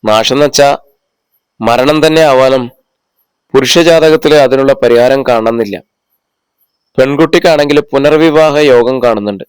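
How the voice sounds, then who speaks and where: A man reads the part of a grave old village astrologer in a storybook. He weighs each word slowly, as if reluctant to say it. The voice stays smooth and dry, close to the mic. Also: mid-range voice, no echo, close to an everyday voice. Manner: slow, halting delivery of bad news. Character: elderly male village astrologer, hesitant and grave.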